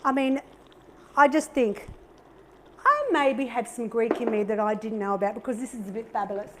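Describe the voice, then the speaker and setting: A middle-aged Australian woman hosts a live cooking demo, chatty, bubbly and upbeat with little exclamations as she cooks. Her high, slightly bright voice has lively intonation at a normal speed, on a low-quality recording with a little hiss or hum.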